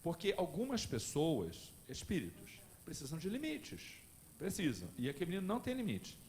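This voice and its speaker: A man's voice: fairly high pitch, moderate pace. A man lecturing at a spiritist family course, telling personal stories and speaking straight to the audience in a conversational way. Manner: lively, conversational, addresses the audience directly.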